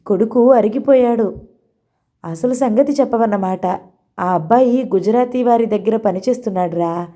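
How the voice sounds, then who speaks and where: A woman's voice: medium pitch, lightly acted. A woman voicing a scolding fond mother. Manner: fond but sharp-tongued. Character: affectionate, scolding middle-aged mother.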